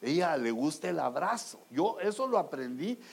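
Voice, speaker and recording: A man's voice: on the high side, sing-song, moderate pace, vocal fry, slightly rough. A man preaching a humorous sermon, joking and acting out little scenes as he talks to the congregation. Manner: addresses the congregation as brothers.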